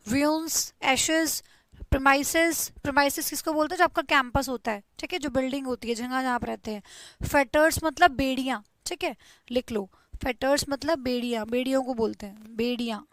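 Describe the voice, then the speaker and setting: Young lady teacher doing a grammar class, high voice, very dry sound, keeps repeating words. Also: moderate pace, fairly bright tone, dry recording. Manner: explains patiently, repeats words, drills spellings. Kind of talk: Hindi-language grammar lesson.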